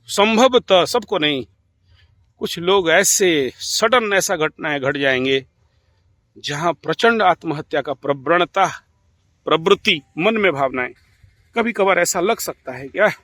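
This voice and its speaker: Animated high-voiced Indian astrologer man. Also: unhurried, no room sound. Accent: Indian Hindi. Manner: animated, rambling, laughs at own anecdotes. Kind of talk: informal astrology talk.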